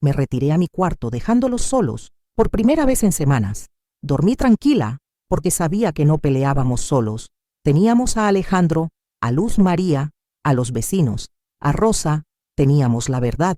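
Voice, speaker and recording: Older woman, expressive storyteller. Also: sits low, normal speed, dry recording, clean studio sound. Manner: expressive and dramatic. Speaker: narrator. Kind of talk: first-person story narration.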